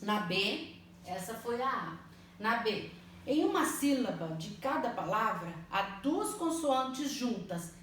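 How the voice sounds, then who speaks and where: A woman teaching a primary school language lesson, spelling out words slowly and patiently, often checking that the children follow. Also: fairly high pitch, sing-song, fairly bright tone. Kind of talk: slow, clearly spelled-out online lesson. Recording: echoey room, mic at a distance, faint noise.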